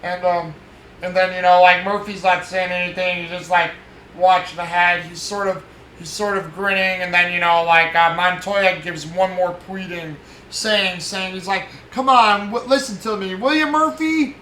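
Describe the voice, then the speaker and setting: Retelling film scenes in a loose, rambling way, this podcast host stumbles over fillers and restarts. His voice is high, level and sharp at an ordinary pace, captured in an echoey space with a faint background hiss.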